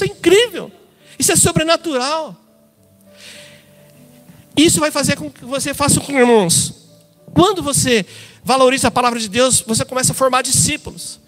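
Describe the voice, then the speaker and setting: A Brazilian man preaches with a very high voice, telling stories to the congregation. Long reverb from the church hall trails each phrase. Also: a bit bright. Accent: Brazilian Portuguese. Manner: storytelling, addresses listeners as brothers. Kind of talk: sermon.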